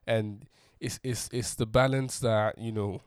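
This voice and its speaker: A man's voice: on the low side, steady tone, unhurried, a little mellow, clear, resonant tone, no echo, studio quality. A young man hosting his own podcast, talking casually in a rambling way with many restarts and fillers. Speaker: podcast host. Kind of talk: casual solo monologue.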